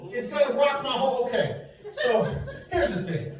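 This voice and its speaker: Middle-aged male stand-up, high-pitched, chatty asides to the crowd; distant mic, big room echo. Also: normal speed. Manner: self-deprecating, conversational asides to the audience. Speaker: stand-up comedian. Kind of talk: stand-up comedy set. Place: church hall, live audience. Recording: echoey hall from far off.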